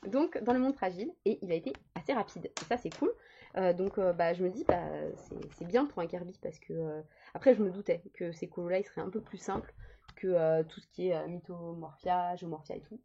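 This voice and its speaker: A woman's voice: on the low side, a little fast, dark tone, slight background noise. A woman in her thirties chatting casually as a coloring vlogger, rambling with many fillers and restarts. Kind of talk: casual chat. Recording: dull lo-fi sound.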